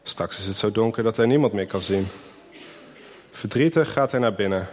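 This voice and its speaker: A man with a fairly low voice reads a storybook tale gently and without hurry. His voice carries a long reverb, as if he were in a large hall. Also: a little hiss or hum. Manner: gentle, unhurried reading of a Christmas tale. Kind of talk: storybook narration with character voices.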